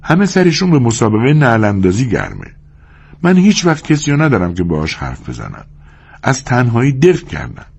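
A man's voice: huge pitch swings, creaky, darkish tone, breathy edge, full character voice. A man reading a story aloud, putting on the voice of a lonely, restless young woman in a raised, pleading tone. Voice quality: higher, pleading voice.

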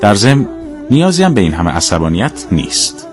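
A man voicing a calm, formal, polite middle-aged male inspector who stays firm under insult. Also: on the low side, soft background music.

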